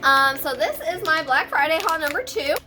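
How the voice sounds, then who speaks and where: A woman's voice: high-pitched, lively intonation, normal speed, music in the background. A woman vlogging in a hyped, gushing way, chatty, playful and sassy, rambling casually to her viewers. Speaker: host of a personal video channel. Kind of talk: casual chatty haul and giveaway vlog. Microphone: on camera with ring light.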